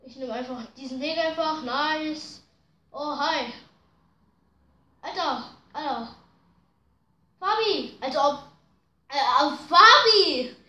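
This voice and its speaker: A woman giving slangy, excitable commentary while playing a racing game, groaning and pleading at the screen. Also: sits high, slow, pauses often. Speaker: gaming video host. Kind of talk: casual gameplay commentary. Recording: roomy echo.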